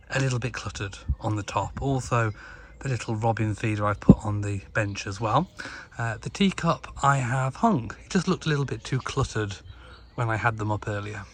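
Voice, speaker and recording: A man's voice: lowish voice, a bit bright, a little hiss or hum. A young adult man with an English accent, chatting casually in a self-deprecating, rambling way. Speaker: vlogger. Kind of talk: casual chat.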